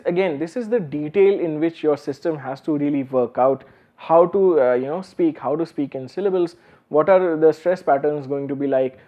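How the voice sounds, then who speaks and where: A man lectures to students in a somewhat high voice, working through examples patiently. He pauses often on fillers and restarts his sentences. The recording is a bit dull and lo-fi. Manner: many fillers and restarts, explanatory. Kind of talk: university lecture.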